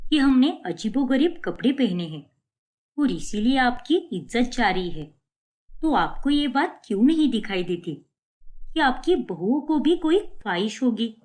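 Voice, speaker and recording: A woman's voice: fairly high pitch, darkish tone. A woman voicing a young daughter-in-law in a cartoon story who schemes and defies her mother-in-law. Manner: complaining, defiant.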